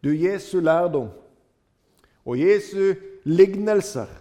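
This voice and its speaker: A man preaching a sermon, retelling stories with dramatic rises and falls in his voice. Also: lively intonation. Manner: dramatic retelling with wide swings in pitch and loudness.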